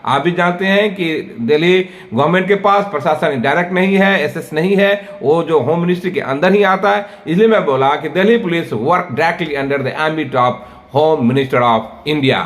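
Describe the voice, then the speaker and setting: A man explains English words in Hindi during a vocabulary lesson. He works through example sentences one at a time, patiently and plainly. His voice sits a little higher than most men's. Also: normal speed, few pauses. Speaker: English teacher.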